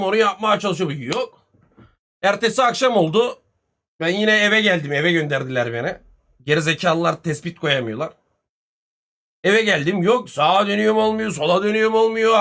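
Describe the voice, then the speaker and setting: A man, telling a story casually on a live stream, animated and full of swearing and reported speech. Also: high voice. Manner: profane, animated retelling with much reported speech.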